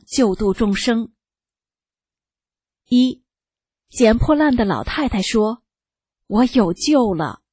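Slow, husky older woman reading a testimony. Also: on the high side, darkish tone, dry recording. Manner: slow, earnest storytelling. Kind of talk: read-aloud first-person testimony.

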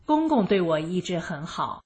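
Woman calmly narrating her life story. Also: fairly low pitch, normal speed. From rural China.

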